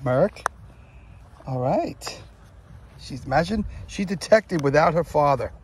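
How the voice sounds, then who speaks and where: A man narrating his metal detecting finds outdoors in a casual way, often exclaiming with excitement. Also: a little high, takes it slowly, a little hiss or hum. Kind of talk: casual narration while digging. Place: outdoors in a large field.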